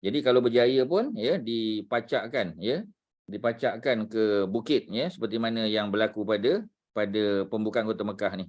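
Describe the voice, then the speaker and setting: A man teaching a religious class, unhurried, searching for words aloud and dropping frequent fillers. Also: lowish voice, a little mellow.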